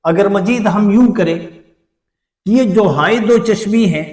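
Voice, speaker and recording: A male teacher with an Urdu accent who explains slowly, repeating words to show their pronunciation in a classroom lesson. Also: high voice, a little mellow, reverberant, distant mic. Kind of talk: slow blackboard lesson.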